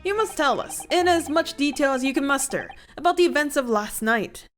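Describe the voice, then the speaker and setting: A woman voicing a grand, self-assured male detective who talks in a pompous, deliberate way. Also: high-pitched, expressive, faint music behind, voice pushed up.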